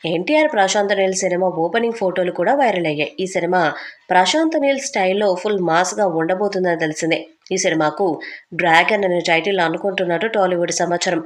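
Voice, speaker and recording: A woman narrating scripted entertainment news in a brisk, even newsreader manner. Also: lowish voice.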